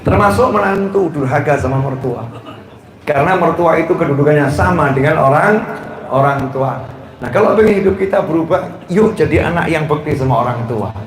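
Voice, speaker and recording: A man preaching a lively sermon to a live audience, joking and often rising into laughing shouts. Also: fairly high pitch. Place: gathering hall with an audience. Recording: roomy hall echo, faint background noise.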